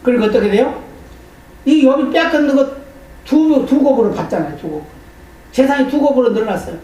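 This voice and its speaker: A man's voice: very high voice, animated, a little fast, warm tone. A male pastor preaching a sermon in a church, telling a story with animation and voicing the people in it. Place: church sanctuary. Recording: very echoey hall, voice from far off.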